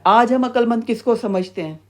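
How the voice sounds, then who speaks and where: A woman teaching a Quran tafseer lesson. She talks animatedly, repeats phrases for emphasis and rises to a high scolding pitch when she quotes warnings. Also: lively intonation, darkish tone.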